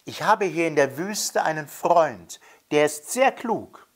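Little blond boy, high and pleading, stubborn and cheerful, put on by a man storyteller. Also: animated, slow pace. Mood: delighted. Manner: high, pleading, repeats demands.

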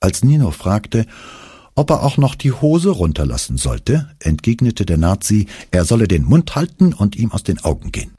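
A man reads a first-person memoir aloud in a very deep, strongly husky voice. His delivery is animated and full of rise and fall, with a dark, mellow tone. The recording is dry and close. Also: normal speed, dry recording. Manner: expressive storytelling with voiced quotes. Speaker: audiobook narrator.

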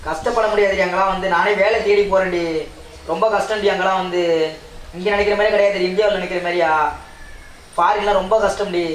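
A man playing a fast-talking, coaxing husband. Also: sits high, little pitch movement, a little hiss or hum, natural voice. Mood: reassuring. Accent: southern Tamil Nadu. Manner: coaxing, repeatedly reassuring. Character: husband going abroad to repay debts. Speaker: skit actor. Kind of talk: comedy skit acting. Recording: roomy with faint ambience.

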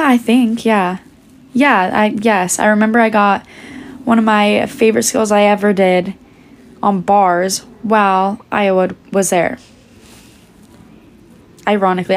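A young woman with a mid-range, steady voice speaks a little slowly and pauses often. She's chatting casually on a phone livestream from a small indoor room, answering fan questions while losing her voice, with the phone held at arm's length.

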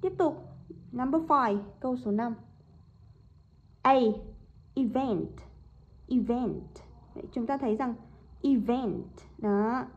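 Husky-voiced woman explaining exercises. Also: on the high side, darkish tone. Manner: repeats words slowly, checks with "đúng không?". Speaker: English teacher. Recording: dull lo-fi recording.

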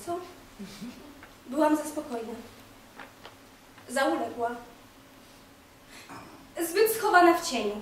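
An actress playing a bitter, volatile jilted young woman on stage, sarcastic and veering between hushed and shouted lines. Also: sits high, a little hiss or hum. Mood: probing. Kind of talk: stage monologue. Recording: very echoey, from far off.

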